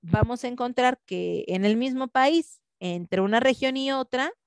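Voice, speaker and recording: A woman's voice: fairly high pitch, lively intonation, unhurried, clean tone, no room sound. Woman teacher explaining stuff, dry close sound, keeps tossing in little questions. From Mexico. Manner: conversational, frequent tag questions. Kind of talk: online class lecture.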